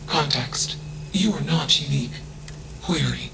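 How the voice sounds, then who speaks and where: A literal-minded artificial intelligence from a video game, flat and emotionless. It speaks slowly in a gravelly monotone and tags each clipped statement with a label word. Steady noise sits behind the game audio. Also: male voice, fairly high pitch.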